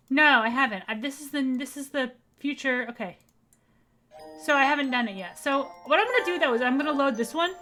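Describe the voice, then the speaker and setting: Casting: chatty woman streamer with a high voice, game music clear behind her. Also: pushed and bright. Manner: chatty, rambling, talks to her viewers. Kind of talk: casual let's-play chat.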